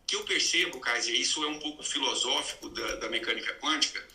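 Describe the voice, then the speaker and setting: A man with a very bright, sharp voice walks through his points step by step like a teacher. He sits some way off the microphone in a roomy space, so the sound comes back with an echo. His pitch sits a little higher than most men's. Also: fast talker. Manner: didactic, lays out numbered steps. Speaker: host, explaining spiritual healing steps. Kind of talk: live-streamed conversation. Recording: roomy, distant mic.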